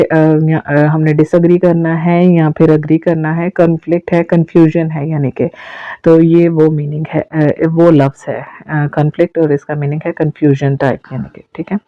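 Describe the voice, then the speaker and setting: A woman's voice: deep voice, no room sound. Woman teacher explaining on a dull, dry phone recording. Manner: explains step by step, with frequent fillers. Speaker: English teacher. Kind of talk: online class explanation.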